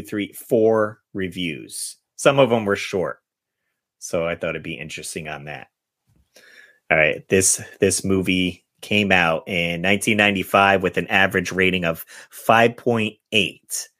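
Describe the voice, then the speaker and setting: A man hosts a guessing game on a podcast, chatting casually and reading reviews aloud with jokey, theatrical emphasis. His voice sits low, runs a little slow, and has a fairly bright tone.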